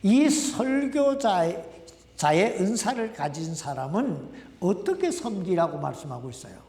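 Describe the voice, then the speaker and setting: A man's voice: high voice, sing-song, measured pace, darkish tone. A male pastor preaching a sermon in a conversational way, often putting questions to the congregation. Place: church sanctuary. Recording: echoey hall, voice from a distance.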